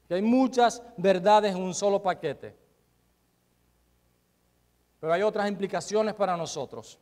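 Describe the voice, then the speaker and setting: A male pastor with a voice that sits high preaches a sermon, alternating loud emphasis with quiet asides and posing rhetorical questions to the congregation.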